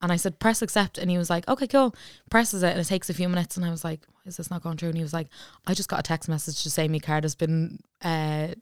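Smooth, lowish woman chatting. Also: fairly even intonation, fast talker, no echo, clean studio sound. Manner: chatty, chiming in and finishing the story. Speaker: podcast co-host. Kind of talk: casual chat.

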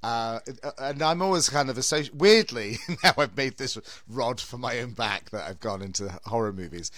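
A man's voice: medium pitch, moderate pace, fairly bright tone, no echo. A British man in his fifties chatting casually as a podcast host, rambling with false starts. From United Kingdom. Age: 50s. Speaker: podcast host, drag queen horror host.

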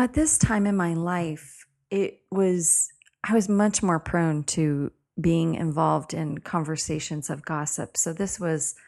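Creaky-voiced woman hosting a podcast. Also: lowish voice, a little mellow. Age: middle-aged. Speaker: podcast host. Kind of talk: reflective personal podcast monologue.

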